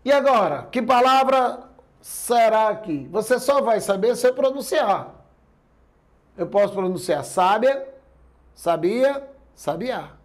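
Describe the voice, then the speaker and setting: A man with a high voice gives a grammar lesson in a Brazilian Portuguese accent. He walks through each point patiently and keeps asking whether everyone is following. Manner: explains step by step, keeps checking in with listeners. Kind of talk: classroom lecture.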